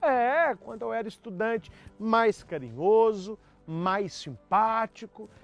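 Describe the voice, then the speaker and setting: A man's voice: high voice, animated, slow, voice pushed up, full character voice. A man imitating an irritated wife who retorts sarcastically in a marital quarrel. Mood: sarcastic retort.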